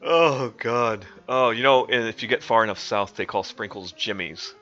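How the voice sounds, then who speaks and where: A young man streams a mock-dramatic reading of a comedic fanfic, frequently breaking into laughter. His mid-range voice is bright and forceful, heard through dull lo-fi stream audio with faint music behind it.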